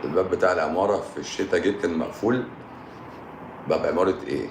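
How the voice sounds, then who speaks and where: A deep, low-pitched man speaks with an Egyptian Arabic accent in an echoey room. He chats casually with his livestream viewers, joking, chuckling and repeating his phrases. A steady noise sits under his voice. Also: fast, vocal fry. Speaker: live-stream host answering viewer comments. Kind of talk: casual live-stream chat.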